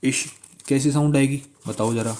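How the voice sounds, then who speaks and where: A man's voice: medium pitch, fairly even intonation, moderate pace, mellow, slight background noise. A man teaching shorthand strokes, repeating key words and asking listeners to pronounce along. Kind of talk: classroom-style tutorial.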